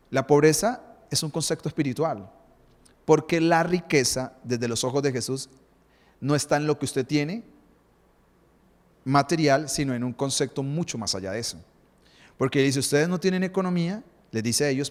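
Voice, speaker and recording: A man's voice: fairly high pitch, in a large hall. A male pastor, preaching a sermon and asking the congregation rhetorical questions.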